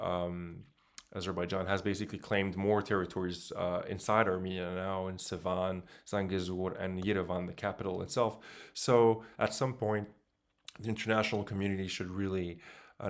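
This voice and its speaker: Brief: male conference speaker, flat and hesitant, full of fillers. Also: low voice, gravelly. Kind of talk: prepared remarks to a panel.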